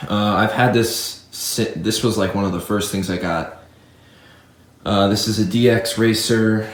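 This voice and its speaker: A seventeen-year-old young man talking casually through a gaming setup tour in his bedroom, rambling and chatty, filmed on a handheld phone. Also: fairly low pitch. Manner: rambling, chatty, filler-heavy. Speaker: gaming YouTuber. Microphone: phone camera held in hand. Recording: echoey room on a phone mic.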